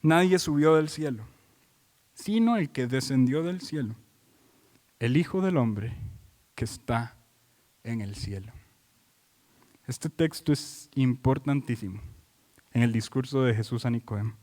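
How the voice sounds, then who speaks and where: A man's voice: medium pitch, expressive, measured pace, pauses often, a little mellow, long reverb tail. A man preaching an expository sermon, driving his points home with repeated phrases and questions put to the congregation. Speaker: pastor.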